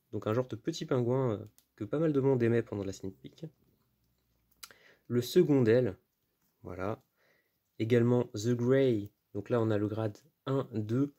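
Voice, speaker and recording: A man's voice: mid-range voice, dark tone. A man casually commenting on a card game unboxing, chatty and self-deprecating with frequent fillers and laughs. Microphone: camera mic, moving around.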